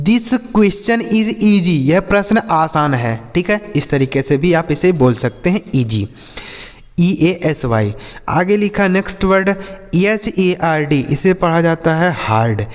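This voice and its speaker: A man teaching English vocabulary at a very deliberate pace, spelling words out and repeating example sentences. His voice sits a little high for a man. The room around him adds a long, ringing reverb. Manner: addresses viewers as friends, frequent okay checks. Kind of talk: slow spelling-and-meaning lesson.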